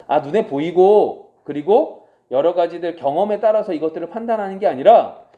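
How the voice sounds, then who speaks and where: A middle-aged male pastor preaching a sermon. He swings from loud acted inner voices to soft, low asides, and he asks the congregation questions and answers them himself.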